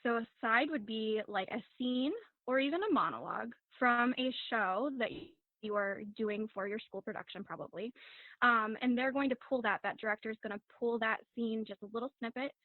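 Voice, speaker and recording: A woman drama instructor giving calm, instructive audition advice in a casual chat over a video call. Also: on the high side, no echo. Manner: instructive, encouraging, measured. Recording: tinny phone-like video call audio.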